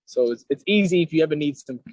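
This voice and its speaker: A young man from Kenya, a rapper, telling stories in a relaxed, joking way in a casual podcast chat. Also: fairly high pitch, quick pace, slight background noise, rough recording. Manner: laid-back, joking storyteller. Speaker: guest rapper.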